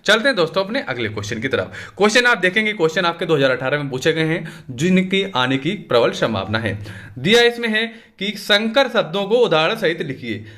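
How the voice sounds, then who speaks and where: Bright, high-voiced man tutoring exam questions. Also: very animated, brisk. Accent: Hindi. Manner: conversational, repeatedly asks and answers own questions. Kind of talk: exam revision lesson.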